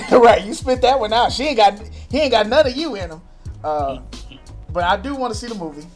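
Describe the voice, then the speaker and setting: High-voiced animated man chatting. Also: fairly quick, soft background music. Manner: animated, profane, laughs often. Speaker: podcast co-host. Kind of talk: casual chat.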